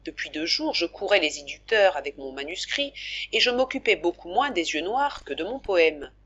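A woman narrating an audiobook of a classic novel in a measured, expressive storytelling manner. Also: on the low side, breathy edge, lo-fi sound.

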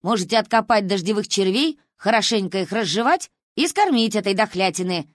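A woman voicing a stern, sharp-tongued grandmother who grumbles and mocks. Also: mid-range voice, animated, a little fast, no echo, lightly acted. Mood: scolding.

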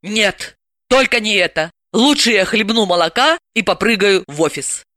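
A woman's voice: medium pitch, expressive, normal speed, pushed and bright, dry recording, clean studio sound, voice pushed up. A woman reader voicing an indignant, ironic female psychoanalyst. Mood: exasperated. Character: exasperated sharp-tongued woman psychoanalyst.

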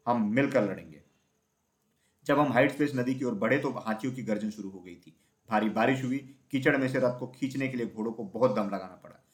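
A man narrating a children's storybook in a steady, even reading voice. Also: mid-range voice, fast talker.

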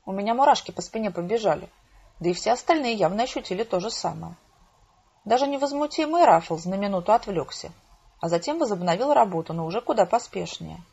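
A woman narrating an amateur audiobook in an even storytelling manner, in a dull lo-fi recording. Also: medium pitch, a little fast, gravelly, breathy edge. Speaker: audiobook reader.

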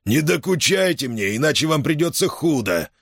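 A man's voice: on the high side, big pitch swings, normal speed, husky, no echo, clean studio sound, voice pushed up, full character voice. A man voicing a stern, condescending jail commandant who makes menacing threats in an audiobook. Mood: threatening. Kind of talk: audiobook character voice.

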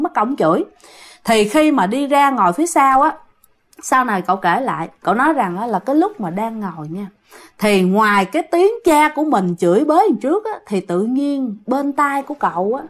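A woman with a Southern Vietnamese accent telling a ghost story in a chatty, repetitive way, addressing her listeners. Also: on the high side.

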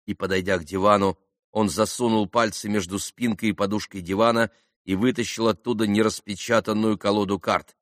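A man reading an audiobook as narrator, in an expressive, measured way. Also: lowish voice, dry recording, studio quality. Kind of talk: scripted narration.

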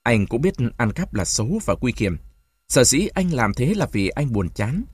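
Lively male audiobook narrator, dry sound. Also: mid-range voice, normal speed, breathy edge, no echo. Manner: lively storytelling, lightly voicing each character's lines. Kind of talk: scripted narration of a novel.

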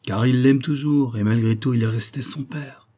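A man's voice: mid-range voice, steady tone, moderate pace, dark tone, natural voice. A man voicing a wounded colonel who speaks earnestly and generously from his bed, in a read-aloud novel.

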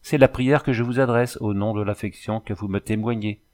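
A man's voice: lowish voice, fairly even intonation, a little fast, darkish tone, close to an everyday voice. Earnest pleading young engineer, read by a man. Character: young French engineer, anxious, wounded and devoted.

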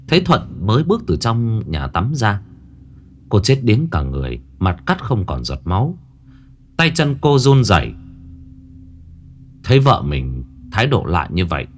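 A man's voice: fairly low pitch, huge pitch swings, a little slow, pauses often. A man narrating a ghost story in a dramatic, suspenseful way. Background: faint music.

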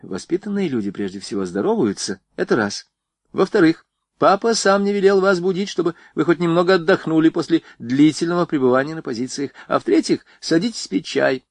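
Guy doing a bossy young girl, high and lively, stubborn, dry close audiobook sound. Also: fairly quick, no room sound. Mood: headstrong, bossy. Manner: bossy and teasing. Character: spirited headstrong young woman, a general's daughter.

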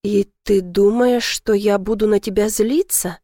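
A woman voicing a tender, adoring young boyfriend in a read-aloud story, speaking softly and slowly to reassure. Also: fairly high pitch, no room sound, studio quality, close to an everyday voice. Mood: tense.

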